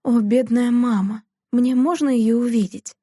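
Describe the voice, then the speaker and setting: A woman's voice: on the high side, steady tone, measured pace, mellow, no echo, clean studio sound, pitched above the performer's own voice. Woman voicing a tearful young daughter. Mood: pleading. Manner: pleading and tearful. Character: tender, distressed young daughter.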